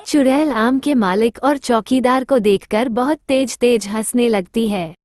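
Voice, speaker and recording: Woman, storybook narrator, slightly high voice, dry close sound. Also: unhurried, a little mellow, dry recording.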